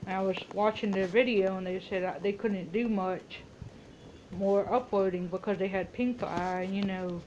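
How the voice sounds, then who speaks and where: Woman chatting casually over clear background noise. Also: medium pitch, fairly even intonation, normal speed, darkish tone, low-quality recording. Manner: rambling storytelling, quoting herself and others. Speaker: vlogger making a phone call. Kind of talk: casual phone chat.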